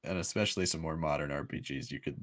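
A man's voice: a bass voice, fast, fairly bright tone. A man giving casual, dryly amused commentary as co-host on a video game playthrough. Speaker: gaming co-host.

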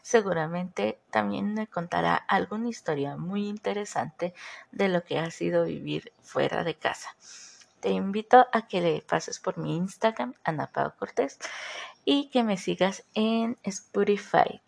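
Woman podcast host, unhurried and heavily creaky, chatty and a bit scattered at the sign-off. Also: mid-range voice. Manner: chatty, loses her train of thought and self-corrects.

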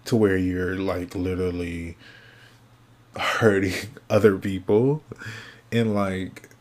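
A man hosting his own podcast alone, chatting casually and sassily from topic to topic, sounding sleepy and yawning, often trailing off into quiet mumbles. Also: deep voice, flat delivery, takes it slowly. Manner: chatty, sassy, drifting between topics. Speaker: podcast host. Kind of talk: casual solo podcast chat.

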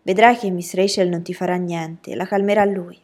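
A woman voicing a spirited, quick-witted teenage boy in a storybook reading, speaking up eagerly. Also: fairly low pitch, steady tone, a little mellow, close to an everyday voice. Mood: excited.

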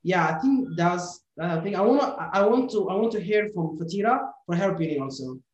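Animated and brisk, this young Somali student volunteer has a high voice, though the recording cuts off the highs and sounds roomy and echoey. He speaks hesitantly in a casual podcast chat, full of fillers and restarts.

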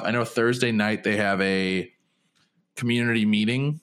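A man's voice: on the low side, fairly bright tone, clean tone. A man co-hosting a sports podcast, talking casually and rambling through news with frequent restarts. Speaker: podcast co-host.

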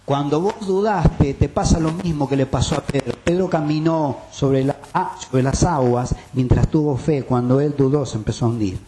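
A man's voice: fairly high pitch, normal speed, few pauses, background noise. A man preaching a sermon, emphatic and quizzing his listeners with rhetorical questions.

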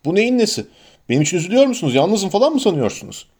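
A man voicing a huge, gruff but soft-hearted half-giant groundskeeper in an audiobook, grumbling and sulky. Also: high voice, sing-song, rapid-fire, voice pushed up, exaggerated voice. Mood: grumpy. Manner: grumbling, sulky, then sobbing.

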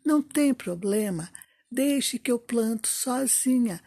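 Storybook hen, patient and soft-spoken, slow and airy; a woman acts it out. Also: on the high side, lively intonation, dry recording, pitched above the performer's own voice, heavily acted. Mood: resigned. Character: gentle, patient hen who works alone.

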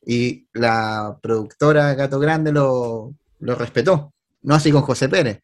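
A man's voice: mid-range voice, unhurried. A man with a Chilean accent, hosting a podcast in casual chat, going over things at length with filler words and restarts.

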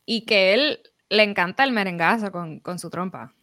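A woman's voice: mid-range voice, moderate pace, no echo, clean studio sound. Talkative woman host. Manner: warm, talkative, laughs often and mimics others. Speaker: interviewer. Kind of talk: casual conversational interview.

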